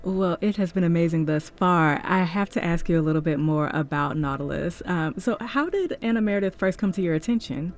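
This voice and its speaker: A woman's voice: fairly low pitch, a little fast, hardly any pauses. A woman interviewing a guest during an intermission broadcast, asking questions in an upbeat, friendly way.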